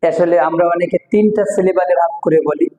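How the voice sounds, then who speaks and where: A man giving a slow, step-by-step language lesson, repeating words syllable by syllable. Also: sits high, steady tone, warm tone. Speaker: English teacher. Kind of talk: slow recorded lecture. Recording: echoey room with long reverb.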